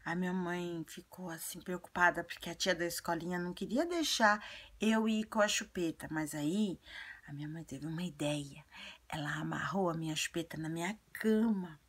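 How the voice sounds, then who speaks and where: A woman doing a breathy chatty little girl. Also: lowish voice, normal speed. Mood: earnest. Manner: childlike storytelling, repetitive. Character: earnest chatty little girl sharing advice. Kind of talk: video monologue in character.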